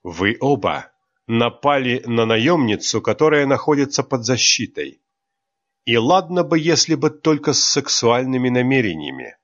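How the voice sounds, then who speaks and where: A man voicing a cold, strict male instructor who lays out charges in measured reproach, read in a storybook. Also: medium pitch, sing-song, muffled recording, close to an everyday voice.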